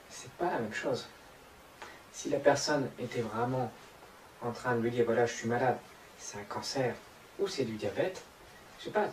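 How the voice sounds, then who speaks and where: A man's voice: medium pitch, a little mellow, reverberant, recorded from a distance, a little hiss or hum. A man mocking the clips he comments on, with a sarcastic manner.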